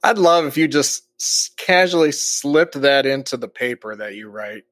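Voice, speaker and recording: Casual male podcast co-host, mid pitch, dry close mic. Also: lively intonation, moderate pace, fairly bright tone, no room sound. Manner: chatty, self-deprecating, laughs often.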